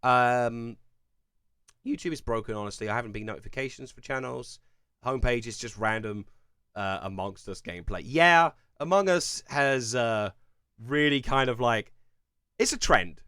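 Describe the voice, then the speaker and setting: A young man with a Kent accent talks through viewer comments on his live stream, rambling loosely with lots of "um"s and restarts. His pitch swings around animatedly, and the recording is dry and close with no room sound. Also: pushed and bright, clear, resonant tone, dry recording. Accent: English, Kent. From England. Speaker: streamer answering chat. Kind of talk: casual live-stream chat.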